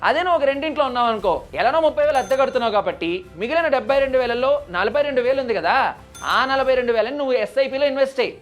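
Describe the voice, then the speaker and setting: A woman doing a rapid scolding guru, lecturing, higher voice, light music behind. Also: dull audio, natural voice. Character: scolding know-it-all guru giving money advice. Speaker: guru giving finance tips. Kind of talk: comic short ad skit.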